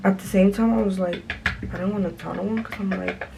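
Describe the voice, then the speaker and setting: A young adult woman chatting confessionally in a laid-back stoner drawl, slangy and sweary, with a gravelly fry to her voice. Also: medium pitch, steady tone, fairly quick, heavy background noise. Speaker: vlogger. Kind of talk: confessional casual chat.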